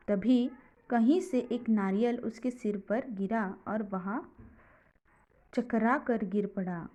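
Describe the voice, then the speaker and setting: A woman teacher with an Indian accent, reading a children's story line by line and going over each part again in plain words. She speaks slowly and unhurriedly, and her voice is soft and mellow. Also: a little high. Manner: reads a line, then explains it simply in her own words. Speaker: school teacher.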